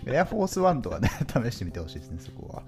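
A man's voice: medium pitch, very animated, very fast, darkish tone, soft background music. A man co-hosting a podcast, bantering in a blunt, joking way. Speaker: podcast co-host. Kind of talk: casual podcast chat.

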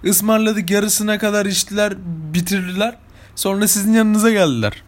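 High-voiced chatty Turkish vlogger man. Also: moderate pace. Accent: İzmir Turkish. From İzmir, Turkey. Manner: chatty, anecdotal, addresses viewers as friends. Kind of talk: casual storytelling monologue.

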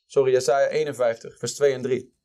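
A man teaching about the Bible in a casual conversation. He reads scripture aloud slowly and emphatically in a preacherly way. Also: mid-range voice, fairly even intonation, dark tone. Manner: preacherly, tags points with "weet je".

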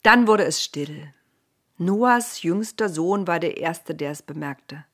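A woman narrating a storybook in a gentle, expressive way, at times dropping to a whisper. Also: on the low side, slow.

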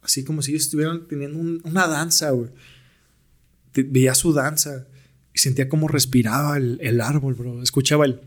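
A man's voice: on the high side, fairly even intonation, fairly quick. A young man with a Mexican accent, a podcast guest telling stories in slangy, laid-back talk. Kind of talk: casual storytelling interview.

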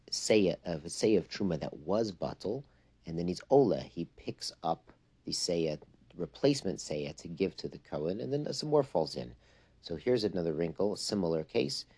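Male religious teacher, low relaxed voice, explanatory and emphatic, informal lesson mixing English with Hebrew and Yiddish terms. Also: breathy edge.

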